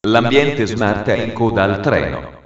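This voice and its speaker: A man's low voice delivers automated railway announcements over a station loudspeaker. The sound is muffled and heavily reverberant, as in a large hall. His phrasing is formal, measured and pieced together in segments. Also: big pitch swings. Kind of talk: automated public train announcements. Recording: muffled, very echoey station PA, distant.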